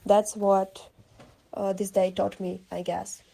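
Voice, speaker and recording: Mellow young Ukrainian-accented woman. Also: medium pitch, flat delivery, slow, creaky, a little hiss or hum. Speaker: interviewee sharing a personal war story. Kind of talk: reflective personal account.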